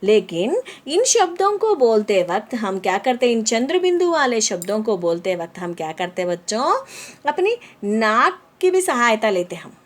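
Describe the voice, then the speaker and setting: A woman teaching a lesson to children, repeating each word slowly, explaining it in English and often asking if they understand. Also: a little high. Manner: slow, repeating words and explaining them in English.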